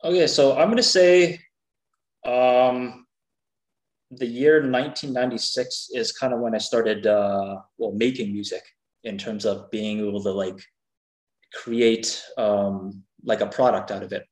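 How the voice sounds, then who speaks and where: A middle-aged man with a medium-pitched voice speaks as a podcast guest. He talks naturally and without a script, candid and loosely feeling for his words. The sound is clearly echoey and roomy. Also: fairly even intonation, unhurried, a little mellow. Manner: candid, loose, hedging explanations. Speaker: podcast guest, game music maker. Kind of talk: casual unscripted chat.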